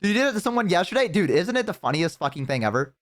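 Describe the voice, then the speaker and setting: A young man chatting casually on a live stream, telling rambling, profane stories to his chat and slipping into animated impressions. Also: high voice, very fast. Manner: talks to chat.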